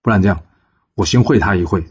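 A man's voice: sits low, breathy edge. A man voicing a cocky young boy warrior who teases his rivals in a storybook tale. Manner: mocking, drawn-out teasing. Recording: dull lo-fi recording.

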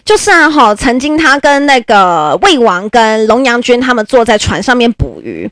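Podcast host: woman, animated and swooping, dry close recording. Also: a little high, normal speed, no echo. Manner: animated, chatty, laughs often. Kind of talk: casual storytelling podcast.

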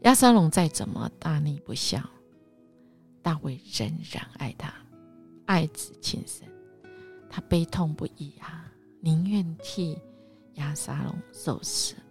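A woman with a low, gravelly voice leads a devotional Bible storytelling segment. Her telling is animated, and she often sinks into hushed half-whispers. Soft music plays faintly behind her. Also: measured pace, long pauses. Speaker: devotional podcast host.

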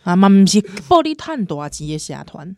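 A man hosting a podcast, asking questions and giving steady murmured backchannels. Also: sits high, brisk. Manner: prompts with many "嗯" backchannels. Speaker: podcast host. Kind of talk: interviewing in casual chat.

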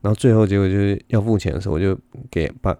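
Podcast host and comic, low, dark voice, rambling storyteller, laughs a lot, close dry mic. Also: male voice, very fast, creaky, clean tone, dry recording. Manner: rambling, laughs often, many restarts. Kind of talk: casual storytelling monologue.

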